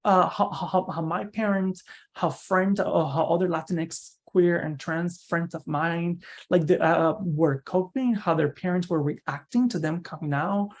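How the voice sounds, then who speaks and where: A man from Cuba, a university researcher giving an online seminar talk over a video call in a conversational way, often tagging his sentences with "right?" and restarting phrases. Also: high-pitched.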